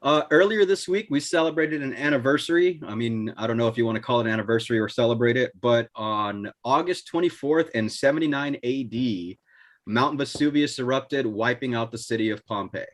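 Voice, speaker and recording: A man's voice: mid-range voice, fairly quick. A man hosting a casual podcast over a video call, loose and joking. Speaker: host. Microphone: video call mic.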